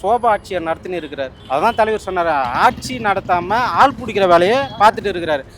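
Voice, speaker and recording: A man's voice: sits high, fast, a bit bright. A man from the public speaking outdoors on a street, scornfully repeating his questions. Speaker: member of the public.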